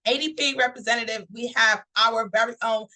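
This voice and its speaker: A woman's voice: on the high side, steady tone, fairly quick, pushed and bright, poor audio. A woman from New York hosting a live online talk show, upbeat and chatty, speaking straight to her viewers. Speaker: host.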